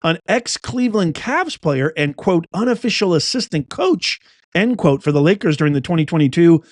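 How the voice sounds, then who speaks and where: A middle-aged man hosts an opinionated news commentary with a fairly high voice. He reads reports aloud and then breaks in with blunt, animated opinions. The sound is dry and close, with no room around him. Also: normal speed, no echo. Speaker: host.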